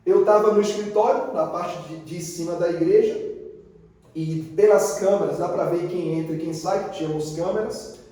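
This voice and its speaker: A man with a high but mellow voice preaches in a big church, telling his story vividly and acting out every exchange. His voice rings around a large hall with long reverb, heard from some distance off the mic. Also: normal speed. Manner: lively storyteller who acts out the dialogue. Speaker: pastor. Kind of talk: sermon with storytelling. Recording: echoey hall, voice from far off.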